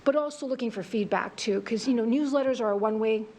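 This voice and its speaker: A Greek woman, whose first language is Greek, answers a school board committee in a meeting room as a candidate for assistant principal. Her fairly high, darkish voice moves quickly, and her speech is earnest, thoughtful, and full of fillers.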